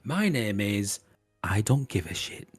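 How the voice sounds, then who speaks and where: A man's voice: fairly low pitch, sing-song, unhurried, slightly rough, faint music behind, exaggerated voice. A man doing a surly rude gunman. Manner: curt, rude, dismissive. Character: surly hostile male frontier gunman.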